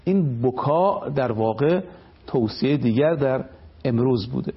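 A man's voice: medium pitch, lively intonation, husky, muffled recording. A man speaking as a cleric on a television program, delivering an emphatic religious lecture. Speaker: cleric guest.

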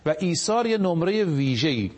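A man giving a religious talk in a TV studio. He reads Arabic scripture slowly, paraphrases it, and puts rhetorical questions to the viewers. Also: fairly high pitch, sing-song, slight background noise. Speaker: religious speaker on a TV program.

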